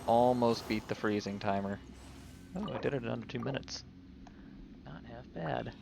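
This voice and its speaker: With game music and other background noise behind him, a man livestreams a video game, tossing out casual remarks to viewers and to himself. His mid-range voice is creaky and moves at a moderate pace.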